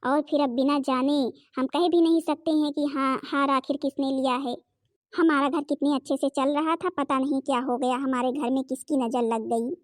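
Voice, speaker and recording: A woman's voice: high-pitched, steady tone, moderate pace, no room sound, clean studio sound, close to an everyday voice. A woman voicing a middle-aged mother-in-law in a cartoon, soothing and reasoning. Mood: concerned.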